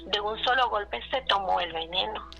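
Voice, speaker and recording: A woman's voice: medium pitch, moderate pace, creaky, bright, forceful tone, muffled recording, faint music behind. A woman with a Mexican accent telling a personal story in a rambling, casual way. She keeps repeating "le digo" and "dice" and uses fillers like "este".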